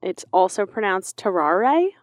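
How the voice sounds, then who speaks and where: A woman's voice: medium pitch, sing-song, measured pace, no echo, clean studio sound. Chatty woman co-hosting a podcast. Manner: chatty, laughs often, many fillers. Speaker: podcast co-host. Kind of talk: casual chat, storytelling.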